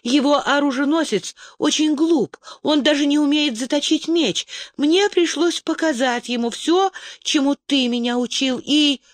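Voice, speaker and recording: A man reading an audiobook voices a frightened young noblewoman disguised as a boy, pleading in a high, urgent voice. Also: measured pace, few pauses, no room sound. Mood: protesting.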